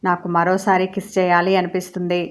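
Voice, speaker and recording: Teasing young man, playful romantic lead, low flat delivery, read by a woman. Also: brisk, close to an everyday voice.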